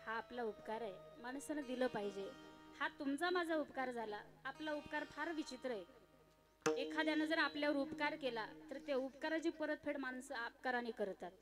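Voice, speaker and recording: Woman kirtan preacher, high voice, animated storyteller, music behind. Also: moderate pace. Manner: animated, dramatic storytelling, acting out each figure. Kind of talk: devotional kirtan sermon with storytelling.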